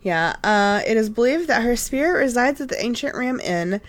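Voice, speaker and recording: High-voiced woman telling a podcast story. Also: expressive, moderate pace. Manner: reads notes with frequent "uh" and "um", easily sidetracked into laughter. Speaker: podcast co-host.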